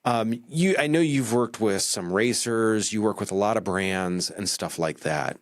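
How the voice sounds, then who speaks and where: A podcast host with a fairly low voice speaks unhurriedly in a clean studio recording with no echo. He interviews his guest casually and animatedly, with plenty of fillers and restarts.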